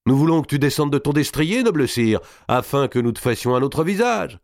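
A man's voice: medium pitch, lively intonation, fairly quick, dry recording, clean studio sound, pitched above the performer's own voice, close to an everyday voice. A man voicing a brutal medieval jailer who barks orders and scorns his prisoner. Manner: harsh, scornful, barking orders. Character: brutal coarse medieval jailer knight, male.

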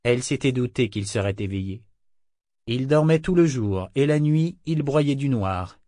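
Male audiobook narrator with a mid-pitched voice and an even, measured read, recorded close and dry. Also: no echo. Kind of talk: scripted narration.

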